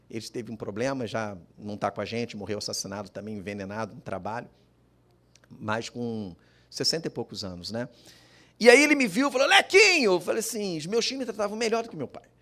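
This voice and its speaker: A man's voice: mid-range voice, big pitch swings, normal speed, a bit bright. A man giving an emotional personal testimony as a father at a public forum, acting out the voices of his family as he tells the story. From Brazil.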